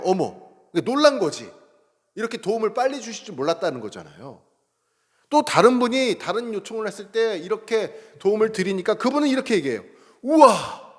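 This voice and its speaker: A man's voice: on the high side, in a large hall. A man preaching a sermon as pastor. He acts out cries of surprise and asks the congregation questions, then answers them himself. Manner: animated, acts out exclamations of surprise. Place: church sanctuary.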